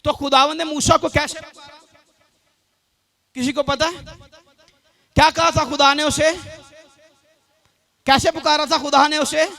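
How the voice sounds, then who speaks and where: A male pastor preaching a sermon. He asks his congregation questions, repeats the answers, and often raises his voice to a shout. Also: very high-pitched, level tone, measured pace, gravelly, pauses often. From Pakistan.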